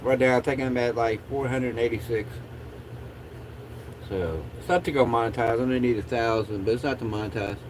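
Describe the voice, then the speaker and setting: A man's voice: medium pitch, fairly even intonation, brisk, slight background noise, low-quality recording. A man chatting casually as a livestream host in a laid-back, rambling stoner drawl.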